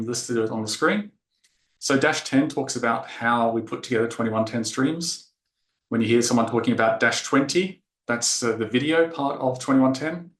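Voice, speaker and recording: A man from Australia stands before an audience, walking them through an engineering talk at an even, mid-range pitch. His voice carries the echo of a large conference room, and he fills pauses with the odd "uh". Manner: explanatory, filler-heavy delivery. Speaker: tech talk presenter. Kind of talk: technical conference presentation.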